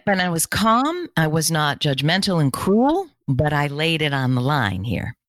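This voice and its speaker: A middle-aged woman, a career coach, chatting as a guest in an interview and telling stories in lively, quick bursts. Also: low-pitched, dry recording, clean studio sound. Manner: animated storytelling, quick bursts. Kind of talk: casual interview chat.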